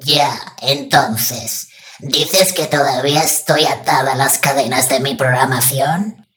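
A woman with a Spain Spanish accent playing a fed-up, scheming female AI in a comic radio sketch, with a cold, deadpan, menacing manner. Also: very deep voice, unhurried. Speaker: radio show AI co-host.

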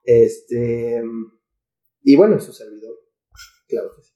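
A man's voice: mid-range voice, takes it slowly, dark tone. A man with a Mexican accent hosting a casual comedy podcast, bantering in slangy, profane, irreverent laddish style. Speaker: podcast host. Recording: echoey room.

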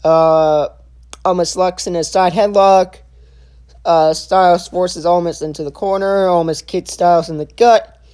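A young man giving a casual spoken review, halting and full of filler sounds and restarts. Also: high-pitched, fairly even intonation, darkish tone, smooth. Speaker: wrestling show reviewer.

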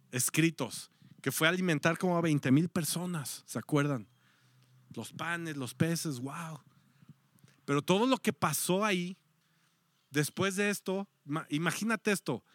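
A man's voice: a little high, a bit bright, no room sound. A man preaching a sermon, telling a story with acted-out quotes and dropping at times to near-whispers. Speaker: pastor.

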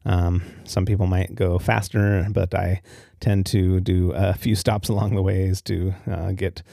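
An American podcast host, working solo, tells stories in a laid-back way and chuckles at his own jokes. His voice sits low and is creaky yet mellow, delivered in a level tone at an unhurried pace. The recording is dry and studio-clean.

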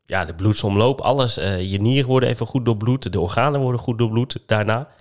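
A man's voice: mid-range voice, fairly quick, darkish tone. A man with a Dutch accent from the Netherlands talking in an explanatory way in a casual podcast discussion, often adding tag words to seek agreement.

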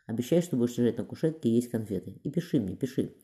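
A man's voice: mid-range voice, lively intonation, very fast, mellow, lightly acted. A man voicing a strong-willed young woman who speaks firmly. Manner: firm, determined.

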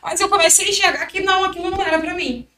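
Woman fighter, interview guest; high, bright voice, animated storyteller who acts out quotes. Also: racing.

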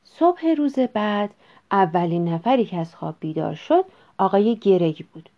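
A woman reading a children's story aloud in an expressive, measured way. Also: mid-range voice. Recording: dull lo-fi recording.

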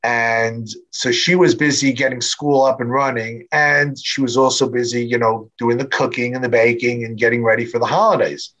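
A man's voice: mid-range voice, steady tone, normal speed, few pauses, fairly bright tone. A middle-aged man telling his own story to an audience in a conversational way, with plenty of fillers, restarts and wry humor. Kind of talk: personal storytelling talk. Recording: slightly dull, muffled sound.

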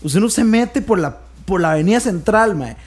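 A man's voice: high-pitched, lively intonation, normal speed, a little mellow. A young man with a Costa Rican accent, co-hosting a casual chat and telling stories with slang and laughter. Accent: Costa Rican Spanish. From Costa Rica. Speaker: podcast co-host.

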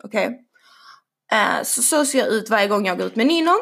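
A young woman telling a story casually, animated and swearing now and then. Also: fairly high pitch, vocal fry. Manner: animated, swearing, acts out quotes.

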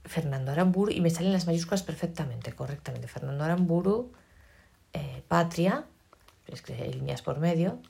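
A woman's voice: low voice, lively intonation, moderate pace, vocal fry, dark tone, breathy edge. A woman patiently walking listeners step by step through a device tutorial. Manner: explains patiently while operating a device. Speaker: tutorial presenter.

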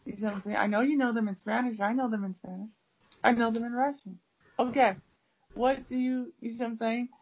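Brisk and slightly rough, her fairly high voice stays mostly even in intonation as the U.S. English teacher rambles in casual talk, restarting often and using lots of fillers. The recording is dull and lo-fi.

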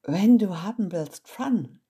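A woman's voice: medium pitch, expressive, slow pace, warm tone, slightly rough, voice pushed up, full character voice. A woman voicing a showy young circus girl who speaks with a put-on American accent and mixes broken English into German. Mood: bubbly.

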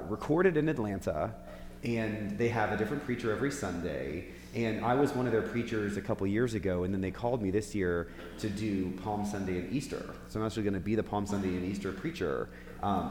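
A man with a lowish, slightly mellow voice leads a church Bible class, preaching informally and conversationally while putting questions to his listeners. The big hall gives a long, echoing reverb with a faint hum underneath.

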